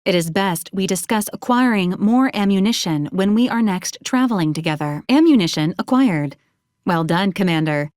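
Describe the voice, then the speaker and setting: A woman with a mid-range, darkish, expressive voice speaks at normal speed in a dry, clean studio recording that sounds natural. She plays a polite, literal robot assistant in a video game, delivering scripted lines formally and precisely with clinical detachment.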